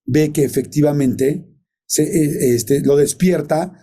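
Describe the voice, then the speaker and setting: A man's voice: a little high, takes it slowly, dark tone. Rambling man telling a ghost story. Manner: rambling, colloquial, many fillers and self-corrections. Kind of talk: casual storytelling chat.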